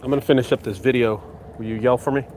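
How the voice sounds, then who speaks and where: A man's voice: mid-range voice, fast, a little hiss or hum. A man in his forties, a business owner, chatting casually while showing his land outdoors. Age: 40s. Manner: relaxed, chatty, says "dude". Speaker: junk removal business owner. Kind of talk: casual vlog walkthrough. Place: outdoors on an open rural property.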